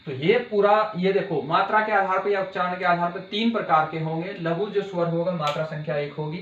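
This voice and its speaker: A male teacher giving an exam-prep grammar lesson, asking his students questions and repeating key words slowly. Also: high voice, steady tone, a bit bright. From India. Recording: dull, echoey room with faint hiss.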